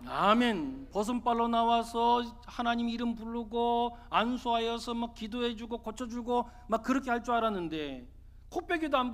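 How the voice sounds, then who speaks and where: High bright-voiced male pastor preaching. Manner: emphatic storytelling with rhetorical questions, often addressing the congregation. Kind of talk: sermon. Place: church sanctuary.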